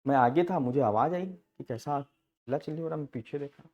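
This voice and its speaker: A man teaching accounting software in a casual class, telling stories with frequent laughs and acting out the people in them. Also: fairly high pitch, fairly quick, lo-fi sound. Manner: chatty storytelling, laughing often, acting out quoted people.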